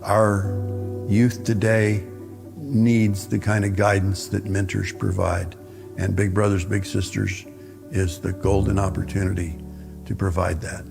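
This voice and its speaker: Man, mentor, gravelly, halting, many pauses, music under interview. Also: fairly low pitch, flat delivery. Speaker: volunteer mentor. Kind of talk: interview for a charity video. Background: background music.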